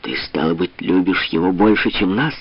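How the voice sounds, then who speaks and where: A man's voice: low voice, normal speed, dull audio. A man reading a hot-tempered old Corsican father. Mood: stern.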